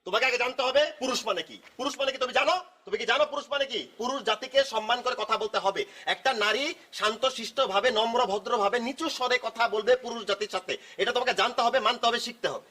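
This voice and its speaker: A man's voice: very high voice, fast, bright, forceful tone, full character voice. An actor playing a pompous young man who lectures his partner, in a comedy skit. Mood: indignant lecturing. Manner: pompous, preachy, repeats himself indignantly.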